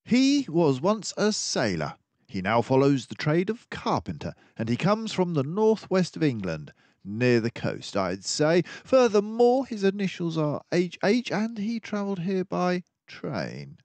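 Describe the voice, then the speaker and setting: A man reads aloud as a storybook mouse detective, heavily acted, confident and formal, explaining with precise self-assurance. His darkish voice sits well above a typical man's, with huge pitch swings as he lectures a little slowly. The recording is dry.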